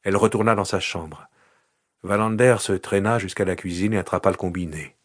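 This is scripted audiobook narration from a man with a lowish voice, delivered in a measured, even way. The recording is close and dry, with no echo or room sound.

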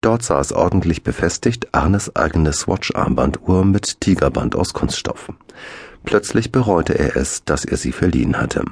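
A man narrates a children's book in a deep voice, with a lot of rise and fall in his pitch. His tone is a little husky, and the dry recording sits close to the mic. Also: a little slow, no room sound. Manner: lively, expressive reading. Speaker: audiobook narrator.

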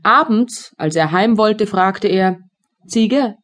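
A woman reading a fairy tale aloud for children as an audiobook narrator, in clear storytelling. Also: fairly low pitch, lively intonation, measured pace.

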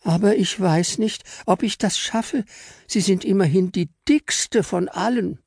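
A man voicing a small, timid female chocolate angel who speaks slowly and hesitantly. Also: high voice, gravelly, a little mellow, husky, no echo, studio quality, voice pushed up, full character voice. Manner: hesitant, slow and shy.

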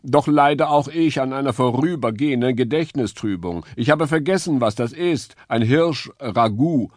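A man's voice: mid-range voice, normal speed, no room sound, clean studio sound, pitched above the performer's own voice, natural voice. A man voicing a stately male stag in a children's audiobook, speaking in a solemn, old-fashioned way.

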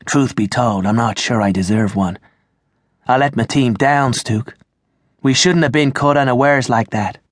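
A man's voice: mid-range voice, a little slow, no echo, studio quality, natural voice. A man voicing an easygoing male vampire with a folksy, slangy drawl in an audiobook. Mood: sorrowful. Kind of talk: audiobook character voice.

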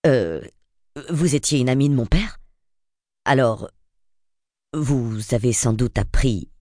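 Audiobook: a woman voicing a polite, fumbling young man, lower than her own voice. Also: slow pace, warm tone, no room sound, clean studio sound, exaggerated voice. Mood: flustered. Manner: hesitant, stammering.

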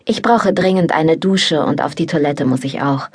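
A woman narrating an erotic novel in the first person, in calm, intimate storytelling. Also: sits low, moderate pace, husky. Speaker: audiobook narrator.

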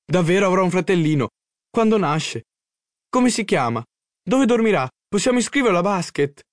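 A man voicing an excited young boy in an audiobook, firing off breathless questions one after another. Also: sits high, moderate pace, no echo, clean studio sound, voice pushed up.

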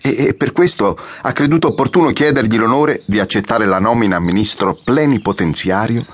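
An actor in an audiobook drama playing a loyal colonel and aide, respectful and careful, with a husky voice. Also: male voice, lowish voice, brisk, no echo, close to an everyday voice. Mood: careful, explanatory. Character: Colonel Wilson, loyal, deferential male aide-de-camp. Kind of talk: audiobook radio drama acting.

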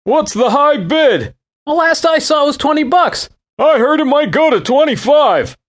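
A man's voice: very high voice, animated, a little slow, voice pushed up. A man voicing his joking male production assistant buddy in an audiobook memoir, bantering like an auctioneer. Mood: teasing.

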